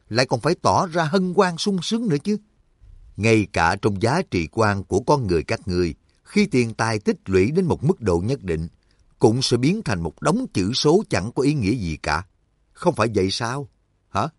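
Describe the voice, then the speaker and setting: A man's voice: medium pitch, very animated, normal speed, no echo, studio quality. A man voicing a smug, menacing villain who lectures others with self-satisfied contempt in an audiobook. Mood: smug lecturing. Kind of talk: audiobook character reading.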